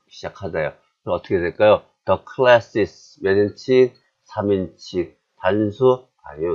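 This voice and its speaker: Deep slow Korean-accented male teacher. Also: highs cut off. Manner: chatty, self-deprecating, repeats drills slowly. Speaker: English teacher. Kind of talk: classroom grammar lesson.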